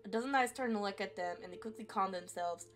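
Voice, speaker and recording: A woman's voice: medium pitch, quick pace. Woman narrating a story over faint music. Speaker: streamer reading a visual novel aloud. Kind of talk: expressive story narration, read aloud. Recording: faint game music behind.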